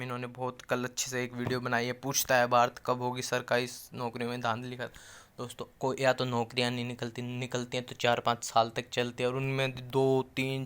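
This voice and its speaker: Insistent man with a flat, clear voice. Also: mid-range voice. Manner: rallying and insistent, keeps calling viewers friends; restarts and trails off mid-phrase. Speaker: YouTube channel host addressing job aspirants. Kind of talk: casual direct-to-viewer appeal.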